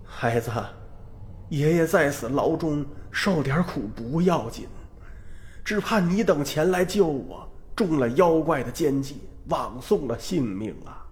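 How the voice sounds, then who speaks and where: A man's voice: fairly high pitch, lively intonation, a little slow. A man voicing a sorrowful, weary old grandfather in a told story, sighing and tearful.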